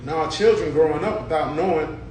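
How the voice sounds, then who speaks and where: A man's voice: fairly high pitch, a little fast, darkish tone. 30ish guy chilling as a guest, opinionated, cusses, sounds far off in a super echoey noisy room. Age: 30s. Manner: laid-back, opinionated, profane. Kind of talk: casual chat over drinks.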